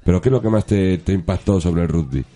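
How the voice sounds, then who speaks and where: A man's voice: sits low, fast talker, dark tone. A male radio sports show host, chatting casually and asking his guest question after question. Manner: asks questions, interrupts with short remarks. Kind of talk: casual radio chat and interview.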